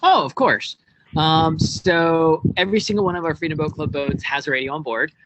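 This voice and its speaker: On a marina dock outdoors, a young American man serves as a guest expert, the operations director of a boat club, explaining things casually and often adding tag questions. His voice is a little high and a bit bright at a normal speed, with no room sound and the highs cut off.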